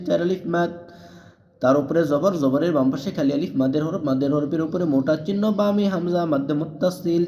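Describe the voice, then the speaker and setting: A man teaching Quran reading, spelling out letters syllable by syllable and chanting the verses in a drawn-out melodic style. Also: on the high side, a little mellow, reverberant, big-room sound, a little hiss or hum.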